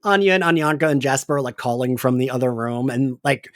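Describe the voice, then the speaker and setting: A man co-hosts a podcast, casually recapping an audio drama with emphatic delivery, some swearing, and restarted sentences. His mid-range voice moves at a quick pace, captured in a dry, studio-quality recording.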